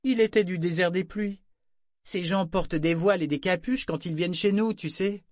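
A man's voice: lively intonation, a little fast, dry recording, studio quality, lightly acted. Man playing a sulky, defiant teenage girl. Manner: sulky, petulant, shrill when upset.

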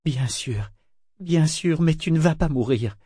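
A man's voice: on the high side, expressive, a little slow, warm tone, breathy edge, no echo, clean studio sound, voice pushed up. A man voicing a desperate young woman who pleads and soothes her dying lover. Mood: soothing. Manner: pleading, frantic, tearful.

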